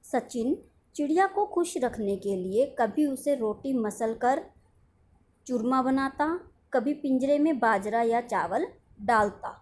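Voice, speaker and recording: A woman teacher dictating a lesson to young pupils in a fairly high voice. She speaks slowly and deliberately, pausing after each word and explaining its meaning. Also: expressive, a little mellow. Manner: slow, dictating words one at a time with explanations. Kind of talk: online class lesson.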